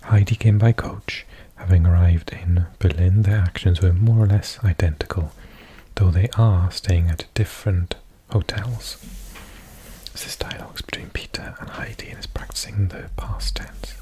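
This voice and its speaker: Male ASMR whisperer: mellow, slow, soft reading delivery, close-miked. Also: deep voice, fairly even intonation, low-quality recording. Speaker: ASMR video host.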